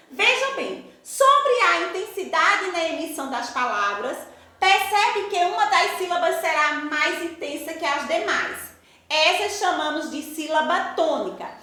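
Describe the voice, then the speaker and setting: Brazilian woman teacher, slow and drawn out, bright lively voice. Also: extremely high pitch. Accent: Brazilian Portuguese. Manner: slow, drawn-out, emphatic over example words. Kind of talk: recorded school lesson. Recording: very echoey room.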